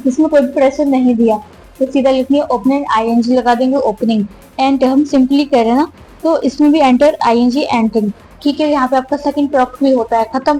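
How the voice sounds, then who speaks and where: A woman explaining English grammar in a chatty classroom way, often correcting herself and slowing down to spell out examples. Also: high-pitched, a little mellow, low-quality recording.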